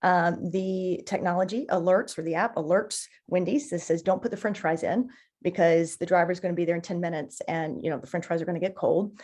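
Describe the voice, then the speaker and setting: This woman's voice is on the low side, darkish in tone with fairly even intonation. Interviewed on a marketing podcast, she explains enthusiastically and conversationally, repeating words in a halting way as she thinks.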